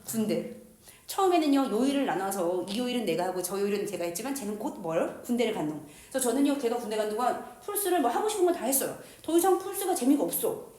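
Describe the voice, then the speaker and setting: A woman's voice: on the high side, dark tone. A woman teaching chemistry in a playful, slangy way, asking the class questions and answering them herself. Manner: uses slang and crude jokes. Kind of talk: lively classroom lecture. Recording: echoey room.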